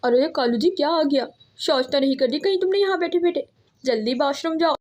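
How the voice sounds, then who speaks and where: Cartoon crow wife, female, sarcastic schemer, high voice , played by a woman narrator. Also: expressive, normal speed, darkish tone. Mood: mocking. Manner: teasing, sarcastic.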